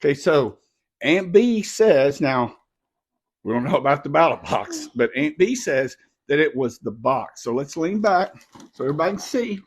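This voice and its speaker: Hosting a relaxed home live video, a middle-aged man teases a child and often slips into a soft whisper. His husky voice is a little high and sing-song, at a moderate pace.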